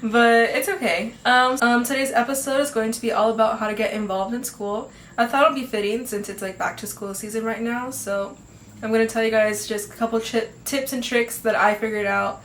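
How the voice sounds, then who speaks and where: Brisk and steady, her slightly high, fairly bright voice carries a bit of nasal congestion. The teenage girl hosts her own podcast, chatting casually and upbeat with many fillers and laughs, in an echoey home room with faint ambience and slight background noise.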